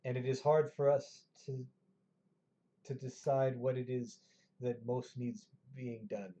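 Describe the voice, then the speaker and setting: A man voicing a grave, formal elder of a wizard council, slow and deliberate. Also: medium pitch, steady tone, mellow, natural voice. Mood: solemn.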